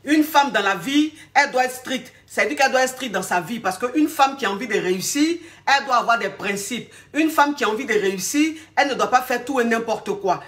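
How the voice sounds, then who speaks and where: Speaking in a slightly high, fairly bright voice, a woman offers relationship advice as a coach in a casual live talk. She addresses viewers familiarly and rambles while searching aloud for the right words.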